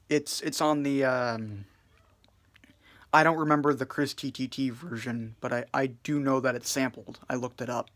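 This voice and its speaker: Low-key guy rambling thru a music review, lots of ums, mid-pitched voice, kinda flat. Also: gravelly. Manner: subdued, flat delivery; hesitant, many fillers and restarts. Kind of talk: casual music review talk.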